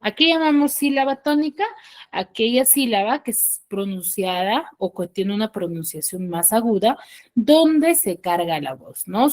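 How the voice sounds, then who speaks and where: A woman teacher giving an online class, explaining step by step. She keeps asking quick questions and answering them herself, and checks in with short "¿ya?" tags. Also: fairly high pitch. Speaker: school teacher.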